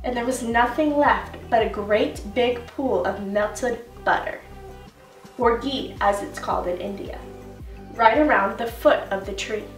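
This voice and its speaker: A woman teacher reading a children's storybook aloud in a gentle, expressive way. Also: on the high side, unhurried. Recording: echoey room, distant mic, soft music.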